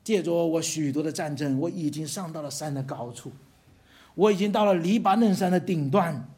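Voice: medium pitch, normal speed, darkish tone, voice pushed down, close to an everyday voice. A preacher voicing a boastful ancient male king who brags with arrogant threats in the middle of a sermon.

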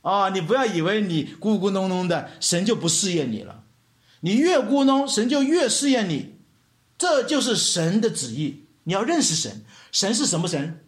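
A man preaching a sermon as pastor, animated, firing rhetorical questions at the congregation and mimicking murmuring sounds. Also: sits high, normal speed, reverberant.

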